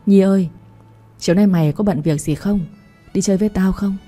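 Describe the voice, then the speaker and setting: A spirited teenage schoolgirl pushes and coaxes her friend in a blunt, casual way, as a woman narrator puts her on. The voice sits low and mellow, a little breathy, for an audio storybook. Faint music plays underneath. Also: moderate pace. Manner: blunt, pushy, coaxing.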